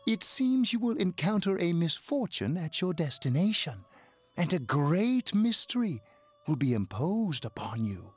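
A man's voice: high-pitched, big pitch swings, unhurried, darkish tone. A man playing an eerie, amused old fortune teller in a video game, speaking theatrically and portentously. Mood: solemn, courteous. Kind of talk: scripted video game dialogue. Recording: game audio over background music.

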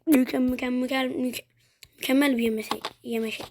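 A young woman chats casually through a game stream, quick to swear and to jump at scares. Her voice sits high. The recording carries clear background noise. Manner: excitable, swears freely, jumpy outbursts. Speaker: gaming streamer. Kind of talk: casual let's-play commentary.

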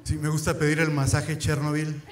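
Young Mexican male comic, crude deadpan delivery, slightly high voice, echoey room. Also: normal speed. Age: young adult. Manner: crude, deadpan storytelling with lots of slang. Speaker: stand-up comedian. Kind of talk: stand-up comedy set. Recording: echoey club with crowd noise.

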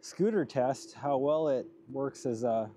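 A man's voice: medium pitch, unhurried, warm tone. A man vlogging casually while riding a scooter outdoors in windy farmland, speaking into a clip-on lapel mic whose noise reduction processing leaves artifacts on his voice. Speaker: tech reviewer. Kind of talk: casual vlog. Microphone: clip-on wireless lapel mic.

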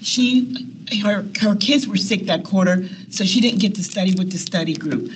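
Against a noisy background, a woman speaks at a moderate pace in a medium-pitched voice with lively intonation. She's a nurse educator on a panel sharing personal stories from a long table in a meeting room, frequently laughing and acting out what people said.

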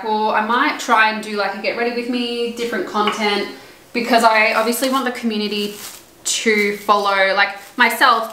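A woman's voice: fairly high pitch, bright, forceful tone, a little hiss or hum. A young woman chatting to her camera in a casual vlog, rambling with lots of fillers, filmed at home on the camera's own mic. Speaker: vlogger. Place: home kitchen and bedroom, indoors. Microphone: camera mic, close to mid distance. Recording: roomy home echo.

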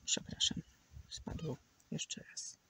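A woman's voice: takes it slowly, bright, forceful tone. A woman teaching a crochet tutorial, patiently counting stitches aloud and sometimes dropping to a near whisper. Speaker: crochet instructor.

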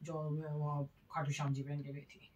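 A middle-aged mother with a fairly low voice jokes with her daughter at home. She banters and scolds in a playful way. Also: completely flat delivery, moderate pace, darkish tone. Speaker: vlogger's mother. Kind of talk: casual family chat.

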